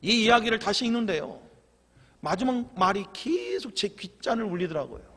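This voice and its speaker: A man's voice: high-pitched, lively intonation, moderate pace, bright, forceful tone, slightly rough. A male pastor telling a story dramatically during a sermon in a church. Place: church sanctuary. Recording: reverberant church hall.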